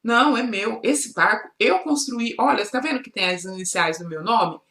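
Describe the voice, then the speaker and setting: A woman's voice: on the high side, moderate pace, sharp tone, echoey room. A Brazilian woman voicing a firm, matter-of-fact male shopkeeper in a children's story.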